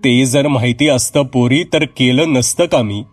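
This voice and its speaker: A man's voice: medium pitch, measured pace, soft background music, close to an everyday voice. A man voicing an older village mother who speaks in a weary, tender way and breaks into alarmed cries. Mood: despairing.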